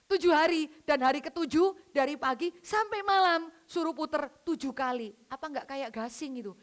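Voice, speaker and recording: Woman vicar, high-pitched, animated sermon full of acted dialogue. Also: normal speed. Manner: animated storytelling, acting out dialogue with many pitch jumps. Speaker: vicar preaching. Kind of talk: lively sermon to a women's fellowship.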